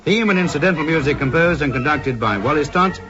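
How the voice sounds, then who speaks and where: A man's voice: fairly high pitch, animated, brisk. A British man reading formal scripted closing credits as a 1950s radio announcer. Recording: muffled 1950s radio broadcast. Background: loud theme music.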